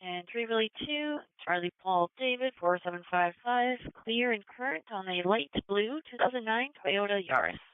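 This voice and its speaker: A woman dispatching police calls over two-way radio in a brisk, procedural manner. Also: on the high side, lively intonation, clean tone, no echo. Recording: dry, phone-like scanner radio feed.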